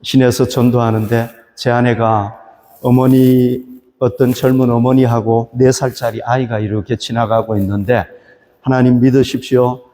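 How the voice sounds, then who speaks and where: A man's voice: mid-range voice, level tone, normal speed, mellow. Preaching man in a reverberant hall. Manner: preaching with rhetorical questions and emphatic rises. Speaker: pastor. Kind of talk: sermon. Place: church hall.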